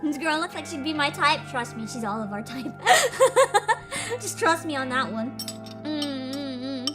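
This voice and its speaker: Over background music, a woman streaming games talks in a very animated, high voice but at a slow pace. Chatty and giggly, she speaks directly to chat during a casual live stream, her throat congested from all the screaming.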